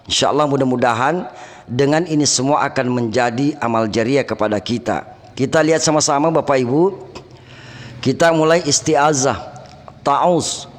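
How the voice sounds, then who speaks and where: A man teaching Quran recitation rules, chanting verses slowly and melodically between plain explanations. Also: mid-range voice, in a large hall. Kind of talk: tajwid lesson with chanted recitation.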